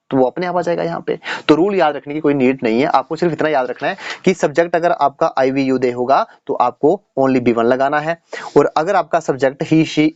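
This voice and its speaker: A man's voice: fairly high pitch, darkish tone, dry recording, dull audio. A man teaching English grammar in a casual, chatty classroom style, repeating his points and checking in with the students often. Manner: chatty, repeats points with "dekho yaar" and "theek hai na".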